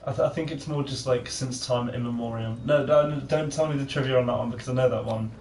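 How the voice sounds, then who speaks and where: A man giving casual let's-play commentary, halting and restarting, repeating his words. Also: mid-range voice, fairly even intonation, a little mellow, distant mic. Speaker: co-host of a gaming video. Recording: roomy, off-mic, faint noise.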